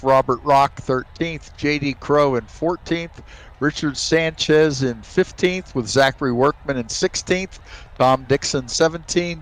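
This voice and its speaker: A man doing color commentary on a race broadcast in a relaxed, hesitant way, with many fillers. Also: medium pitch.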